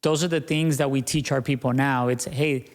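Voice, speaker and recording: A man's voice: mid-range voice, fairly even intonation, normal speed, big-room sound. A young man talking earnestly as a podcast guest, often tagging his points with "right?". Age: young adult. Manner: earnest, repeats "right?" and "you know". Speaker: guest, business owner. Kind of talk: podcast interview.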